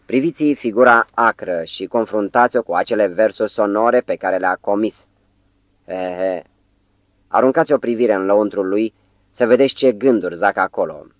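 A man's voice: lowish voice, no echo, natural voice. A man voicing an angry, rude young poet who talks irritably and with scorn, in an audiobook.

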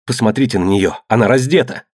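Man voicing a cowardly young sailor, shrill and pleading, dry read. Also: quick pace, darkish tone, dry recording, lightly acted. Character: panicked young male sailor, cowardly and whining.

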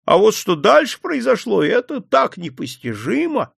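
Guy doing a grumbly proud old rich merchant, gravelly voice that swings up and down. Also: sits high, moderate pace, dry recording, studio quality, voice pushed up, heavily acted. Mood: worried. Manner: grumbling, lively.

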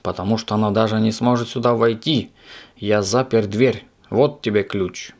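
A man's voice: fairly low pitch, fairly even intonation, moderate pace, a little mellow, close to an everyday voice. A man voicing a cheeky impish male creature with a snout who teases and mocks. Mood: teasing. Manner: teasing, mocking, gleeful.

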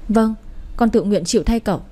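A woman's voice: mid-range voice, fairly quick, mellow, husky, lightly acted. A woman voicing a loyal young male servant who timidly refuses to strike his master.

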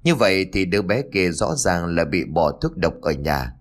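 Male horror narrator, low voice and lively inflection, dramatic reading. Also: moderate pace. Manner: expressive storytelling, dramatic rise and fall. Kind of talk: scripted narration.

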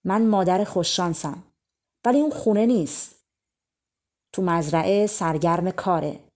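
A kind old peasant woman from a storybook speaks to a young traveller in a warm, motherly way, voiced by a woman. Her voice is fairly low and gentle. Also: close to an everyday voice. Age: older.

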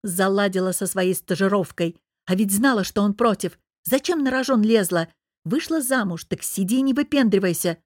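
Hungover best friend, hoarse and blunt, nagging, woman reading her part, dry audiobook. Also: low-pitched, steady tone, a little fast, few pauses, no echo, pitched below the performer's own voice, lightly acted. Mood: grumbling. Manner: brusque, scolding.

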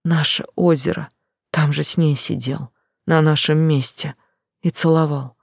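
A fragile, heartbroken teenage girl, as a reader puts her on, speaking in a hushed, breathy voice. The storybook telling stays dry and close to the mic. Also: mid-range voice, fairly even intonation, measured pace, no echo.

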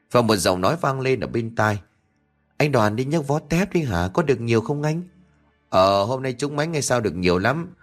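A man playing a rude young villager who talks back to his elders, with a slightly raised voice and a lively, mocking swing. Soft music sits under the narration. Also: medium pitch, voice pushed up, close to an everyday voice.

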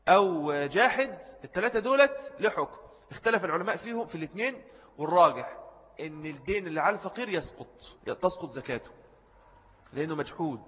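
A man with an Egyptian Arabic accent teaches religious jurisprudence at a brisk pace, his pitch slightly raised and his tone fairly bright. He goes over his key points more than once and breaks off to respond to students, while a long hall reverb trails behind his words.

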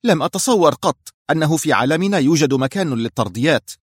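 Man putting on a woman spy, tense, snappish, raised pitch, dry sound. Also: animated, fast, husky, no room sound. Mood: irritated. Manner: clipped, irritated. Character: tense, sharp-tongued woman spy boss.

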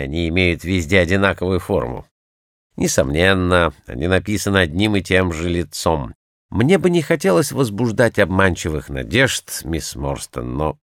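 A man's voice: low-pitched, fairly bright tone, no room sound, clean studio sound. A man voicing a cool, analytical detective who lectures in a detached, precise way, in an audiobook. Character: cool analytical male detective, middle-aged. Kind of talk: audiobook character reading.

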